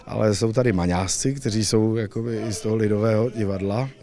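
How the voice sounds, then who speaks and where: A man in his thirties giving an on-camera interview in a halting way, searching for words, into a handheld microphone. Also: lowish voice, steady tone, warm tone. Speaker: puppet theatre director being interviewed. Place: indoors, on a theatre stage.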